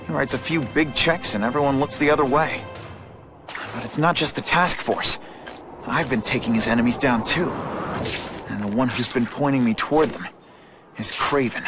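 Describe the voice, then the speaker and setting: A man's voice: medium pitch, close to an everyday voice. Man voicing an earnest young American superhero, Peter Parker. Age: young adult. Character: earnest, troubled young male superhero photographer. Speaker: video game voice actor. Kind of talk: dramatic video game cutscene acting. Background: background music.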